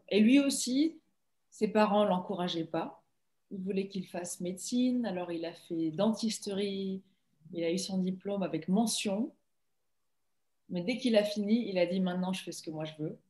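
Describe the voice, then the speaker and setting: A woman, a guest actress, talking casually in an interview, relaxed and chatty with many fillers and restarts. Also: medium pitch. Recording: echoey room sound.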